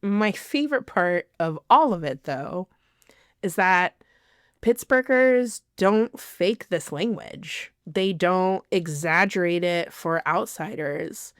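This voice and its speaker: Her lowish, smooth voice carries lively intonation as she unhurriedly works through a scripted podcast monologue, giggling at her mistakes and apologizing with self-deprecation. She isn't from the city she lives in now, and the close, dry recording has no echo.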